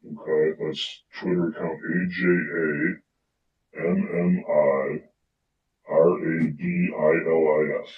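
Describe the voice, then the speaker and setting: Anonymous caller, deep pitch-shifted voice changer, conspiratorial, halting with fillers, lo-fi distant call audio. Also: a little mellow, echoey room. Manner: conspiratorial, hesitant with many fillers, spells out account names. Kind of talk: livestream roundtable call-in.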